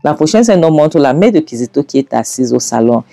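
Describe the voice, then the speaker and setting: A man's voice: a little high, sing-song, a little fast, gravelly, mellow, dry recording. A man narrating a casual recap of a film scene by scene, rambling with frequent restarts.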